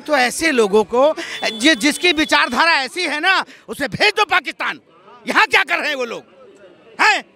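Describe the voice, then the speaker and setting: A man's voice: extremely high pitch, expressive, moderate pace, gravelly, bright, forceful tone, a faint crowd. A man arguing heatedly as a street interviewee, insisting on being heard and repeating his points. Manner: insistent, repeats himself, talks over others.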